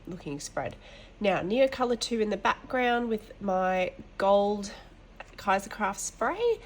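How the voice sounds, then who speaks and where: A woman with a stuffy, nasal voice from hay fever talks through her work in a loose, chatty way. She rambles and drops quick apologies as she goes, at an ordinary middle pitch. A faint background hiss sits under her voice. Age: adult, mother of boys. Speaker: colouring channel host. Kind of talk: casual show-and-tell chat. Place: at home.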